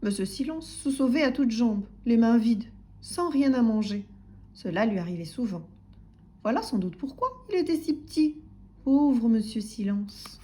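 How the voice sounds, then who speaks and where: A woman reads a picture book to little ones, her voice lively and swinging up and down in pitch. She sits a bit higher than most women and softens her delivery, at times nearly whispering. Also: moderate pace. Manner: expressive, soft-spoken, sometimes whispering. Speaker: storybook reader for children. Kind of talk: children's audiobook narration.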